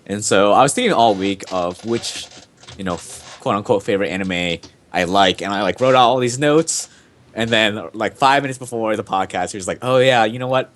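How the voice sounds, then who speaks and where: A man's voice: lowish voice, moderate pace, a bit bright. A young man hosting a casual podcast, talking in a rambling, enthusiastic way full of fillers. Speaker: podcast host.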